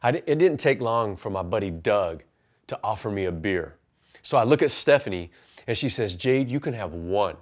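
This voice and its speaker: A man's voice: on the low side, expressive, moderate pace. A man in his forties, a life coach and pastor, telling his own story earnestly and then giving punchy motivational advice. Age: 40s. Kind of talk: personal testimony and motivational talk.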